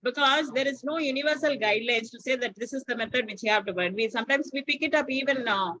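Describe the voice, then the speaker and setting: A woman's voice: sits high, very fast, bright, forceful tone, slight background noise. A middle-aged woman with a Tamil accent teaches and questions as a senior doctor, instructively repeating her points for emphasis. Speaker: senior doctor examining a student. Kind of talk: spoken teaching and questioning in an online medical class. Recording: dull, lo-fi online call audio.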